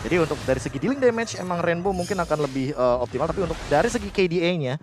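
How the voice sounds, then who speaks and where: Male esports analyst, Indonesian accent, quick explanatory delivery, noticeable noise behind the voice. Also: on the high side, expressive.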